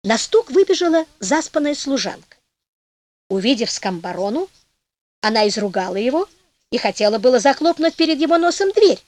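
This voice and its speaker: A woman reading a folk tale aloud as an audiobook narrator, telling it in a lively way and acting out the characters. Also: high voice, moderate pace, no room sound.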